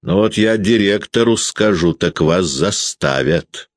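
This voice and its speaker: A man's voice: medium pitch, wildly swooping pitch, slow pace, pitched above the performer's own voice, exaggerated voice. A man voicing a sullen, spiteful middle-aged male schoolteacher who needles and pries. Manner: needling, malicious, prying.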